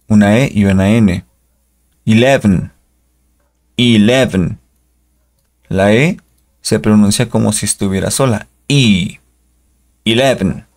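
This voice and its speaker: A man's voice: lowish voice, darkish tone. A Spanish-speaking man giving an English pronunciation lesson, patiently repeating each model word. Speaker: English teacher.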